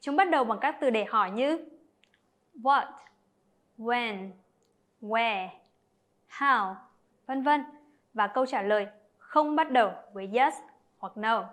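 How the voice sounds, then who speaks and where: A woman explaining an English lesson to children, talking to her pupils directly and clearly. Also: fairly high pitch, slow pace, long pauses, fairly bright tone.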